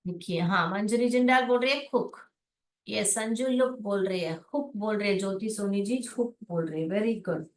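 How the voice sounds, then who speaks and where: A woman teaching English phonics in an online class, sounding out words slowly and reading out students' answers. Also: mid-range voice, recorded from a distance. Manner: slow, drawn-out sounding of letters and words; reads out students' chat answers and praises them. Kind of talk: online class, explaining in Hindi with English terms. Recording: echoey room, voice away from the mic.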